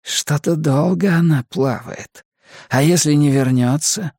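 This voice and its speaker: Audiobook, male reader as a worried slow-talking man, anxious. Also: fairly high pitch, a little mellow, husky, dry recording, studio quality. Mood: uneasy.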